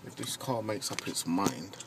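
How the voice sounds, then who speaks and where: A man's voice: on the low side, animated, measured pace, noisy background. A man driving a car, chatting and teasing his passenger with mock-serious questions. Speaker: comedy host, driver. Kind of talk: casual comedic chat. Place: inside a car in city traffic.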